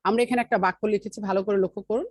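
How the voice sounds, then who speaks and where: Brief: a woman teacher, mid-pitched, dry close sound, walks the class through each rule and quizzes them. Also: steady tone, no room sound. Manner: explains step by step, asks the class questions; reads example sentences very slowly. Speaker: English teacher. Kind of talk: online grammar lesson.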